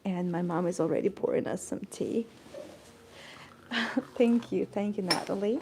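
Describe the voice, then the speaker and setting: A woman vlogger talks casually from a cozy garden café, thanking viewers and laughing often. Her voice has a gravelly, fry-tinged edge. The live-stream recording carries plenty of background noise. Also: medium pitch, unhurried. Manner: chatty, grateful, laughs often, stumbles over words. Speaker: tour guide vlogger.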